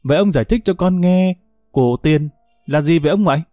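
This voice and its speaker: A man putting on a chatty, curious little grandchild, the voice pushed higher than the reader's own and kept mellow. Questions pour out eagerly, with a faint musical bed underneath. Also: fairly quick, no room sound, studio quality, faint music behind, close to an everyday voice.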